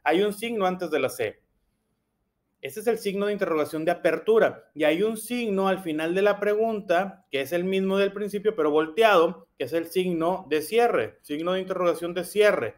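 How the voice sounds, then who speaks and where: A man's fairly high voice, teaching young pupils in a patient classroom manner. He goes over each point slowly and again, checking often that they follow. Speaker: primary school teacher. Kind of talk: explanatory classroom lesson.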